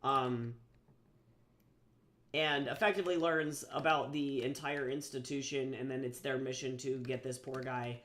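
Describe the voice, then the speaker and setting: This livestreaming artist and author has a medium-pitched, slightly bright voice with fairly even intonation and an unhurried pace. He's a bit under the weather and draws as he rambles, cursing and stumbling through fillers and false starts.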